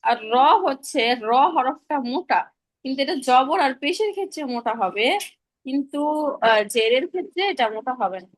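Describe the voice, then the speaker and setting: Female teacher, higher voice, patient and repetitive, online class. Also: animated, rough recording. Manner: patient, demonstrates letter sounds slowly and repeatedly. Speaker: Quran recitation teacher.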